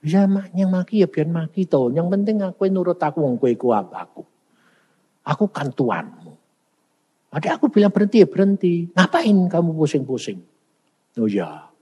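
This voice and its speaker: An older man preaching in a folksy, animated, conversational way and slipping in regional slang. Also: a little high, normal speed, husky, lo-fi sound. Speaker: evangelist preacher. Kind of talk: conversational sermon with questions. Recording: long hall reverb.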